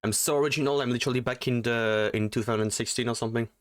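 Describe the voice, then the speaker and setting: A man chatting on a livestream from his home setup, rambling and self-deprecating with plenty of fillers. His desktop mic gives a close, dry sound at mid pitch. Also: fairly even intonation, very fast, no room sound. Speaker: streamer. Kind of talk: casual livestream chat. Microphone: desktop USB mic.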